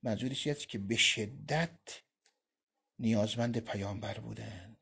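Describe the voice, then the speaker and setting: A man's voice: lowish voice, vocal fry, bright, forceful tone, husky. A man teaching a religious lesson, reading Arabic quotations and explaining them phrase by phrase. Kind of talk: Quran commentary lesson.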